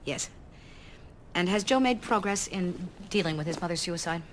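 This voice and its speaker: A woman's voice: lowish voice, lively intonation, moderate pace, a little hiss or hum, lightly acted. An actress playing a blunt, dry-witted older woman, a social worker and grandmother. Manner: blunt, wry.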